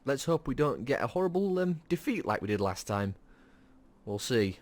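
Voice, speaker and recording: A man's voice: medium pitch, big pitch swings, moderate pace. A man hosting a gaming video with casual, off-the-cuff gameplay commentary. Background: game sounds.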